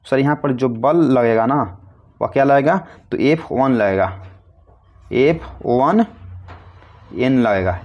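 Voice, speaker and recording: A man's voice: medium pitch, a little mellow. A man teaching a physics lesson, asking questions and answering them himself in a repetitive, coaxing way. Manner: calls students "babu" affectionately. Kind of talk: classroom lecture explaining a derivation.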